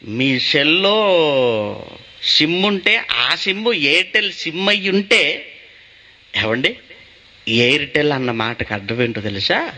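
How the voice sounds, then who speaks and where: High, bright-voiced preacher man. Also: big pitch swings, slow, long pauses. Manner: asks the listeners questions and answers them himself. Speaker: pastor. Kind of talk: sermon.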